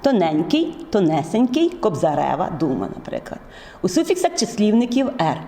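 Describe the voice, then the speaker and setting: A woman teacher explaining spelling rules step by step, in a measured, methodical way. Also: medium pitch, very animated, dark tone. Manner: measured, methodical, drawn-out words. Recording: echoey room with long reverb.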